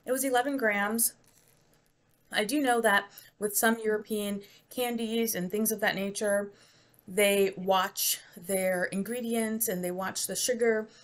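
A woman's voice: medium pitch, steady tone, unhurried. A talkative American woman tries a sweet on camera and chats about it in a loose, rambling way. She laughs easily and keeps up friendly small talk with her viewers. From United States. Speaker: vlogger. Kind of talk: casual taste-test vlog.

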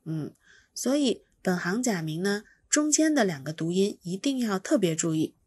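A woman's voice: medium pitch, very animated, moderate pace, a little mellow, slightly rough, no echo. A woman teaching pronunciation, patiently explaining each sound and demonstrating it by repeating it. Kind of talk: slow instructional explanation.

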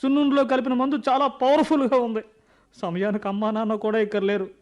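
An actor playing a panicky young village schoolmaster who whines and frets tearfully, in a radio play. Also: male voice, extremely high pitch, flat delivery, fast talker, lo-fi sound. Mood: whining. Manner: whiny, tearful, self-pitying.

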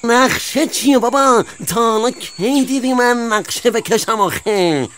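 An actor playing a cunning male fox in an animated cartoon, talking fast and cheekily in mocking banter and rhyming boasts. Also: very high voice, slight background noise. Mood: cheeky.

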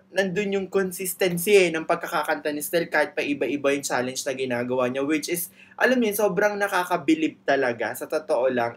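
A reaction video host giving excited commentary, gushing, laughing often and talking straight to the viewers. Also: mid-range voice. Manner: addresses viewers directly.

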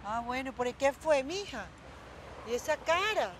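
A woman's voice: high-pitched, lively intonation, measured pace, a little hiss or hum. An actress playing a fretful, melodramatic mother in a telenovela, exclaiming and scolding. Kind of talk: telenovela acting.

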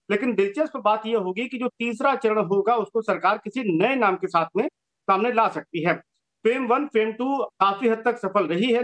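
High-voiced male news reporter. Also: a bit bright. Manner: brisk, informative, with filler pauses. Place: TV studio.

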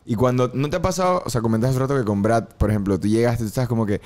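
A man co-hosting a podcast, playfully teasing his guest and slipping into high-pitched impressions. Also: rapid-fire, darkish tone. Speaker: podcast co-host. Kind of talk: casual podcast chat.

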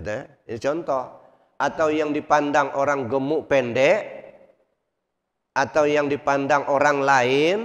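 A man preaching at a mosque study session who keeps repeating his points and putting rhetorical questions to the congregation. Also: mid-range voice. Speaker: Islamic preacher. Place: mosque hall. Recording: reverberant hall, dull lo-fi sound.

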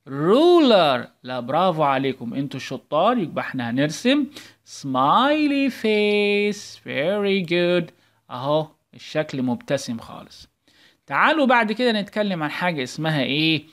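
Man, Egyptian accent, children's English teacher, video lesson, coaxing questions, drawn-out sing-song praise. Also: on the high side, expressive, fairly bright tone. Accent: Egyptian Arabic. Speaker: primary school English teacher.

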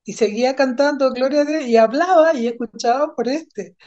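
Woman telling an animated testimony. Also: sits high, moderate pace, dull audio. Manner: animated storytelling with emphatic repetition. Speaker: guest giving a testimony. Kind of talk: emotional personal testimony.

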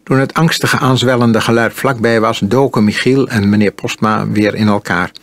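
A man narrating an audiobook in a calm, measured storytelling manner. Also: lowish voice, no echo. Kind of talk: audiobook reading.

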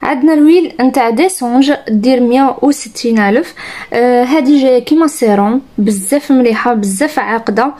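A woman's voice: a little high, fairly quick, mellow. A woman with an Algerian accent chatting casually to her viewers, reviewing products with enthusiasm. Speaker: beauty vlogger.

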